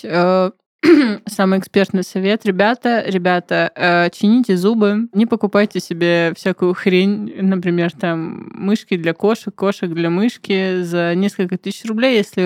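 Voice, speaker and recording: A woman's voice: medium pitch, a little mellow, no room sound, studio quality. Joking young woman podcast host. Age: 20s. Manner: joking, teasing, informal. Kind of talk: casual podcast chat.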